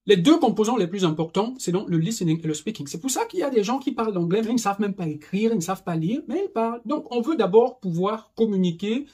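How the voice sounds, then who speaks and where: A man's voice: high voice, animated, fast, hardly any pauses, dark tone, breathy edge. A man teaching a video lesson in French, explaining step by step, often adding "n'est-ce pas" and "hein" and dropping English terms into his talk.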